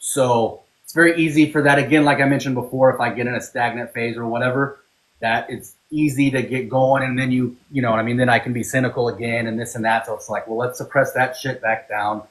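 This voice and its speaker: Male co-host, mid-pitched, relaxed and candid, conversational. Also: a little fast, rough recording. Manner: laid-back, candid, leans on "you know what I mean". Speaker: podcast co-host. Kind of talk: casual chat.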